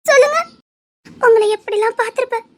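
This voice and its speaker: A woman's voice: very high voice, fast, fairly bright tone. An actress playing a clingy, jealous young woman in a TV serial melodrama, crying and pleading as she sobs and half laughs through her tears. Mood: tearful pleading. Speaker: lovesick cousin in a TV serial.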